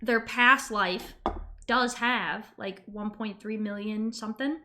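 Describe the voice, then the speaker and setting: A woman's voice: mid-range voice, slow pace, noisy background. A woman streamer in casual reaction chat, talking informally and emphatically and acting out the reactions she quotes.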